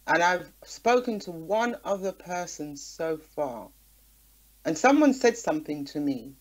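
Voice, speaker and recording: Over poor audio, a woman with a fairly low, sing-song voice speaks a little slowly as a guest on a radio talk show. She is from the UK's Caribbean community and makes her points passionately and emphatically in conversation, using rhetorical questions.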